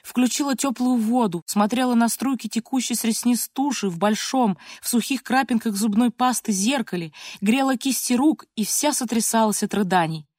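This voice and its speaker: A woman's voice: fairly high pitch, moderate pace, few pauses, a little mellow, no room sound, studio quality. Woman reading an audiobook expressively. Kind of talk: audiobook narration.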